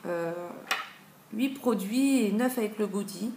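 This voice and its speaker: A woman in her thirties talks through beauty products in a relaxed, chatty way and often pauses on fillers. Her voice sits at a middle pitch. It is recorded on a camera mic in an echoey room at home, with faint noise behind her. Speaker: beauty vlogger. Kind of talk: casual product review.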